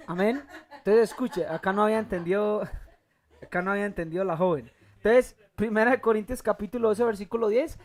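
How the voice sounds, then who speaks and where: A preacher teaching a Bible class, often stopping to ask the listeners to fill in the word and slowly repeating the key terms. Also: mid-range voice, darkish tone. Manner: asks the congregation fill-in questions, repeats key words slowly; halting restarts, thinking aloud. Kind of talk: church teaching sermon.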